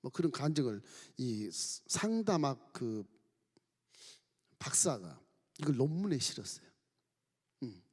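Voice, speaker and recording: A man's voice: medium pitch, slow pace, long pauses, big-room sound. A man preaching a sermon as a pastor, telling stories and acting out the quoted voices of the people in them. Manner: storytelling with lively acted quotes. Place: church sanctuary.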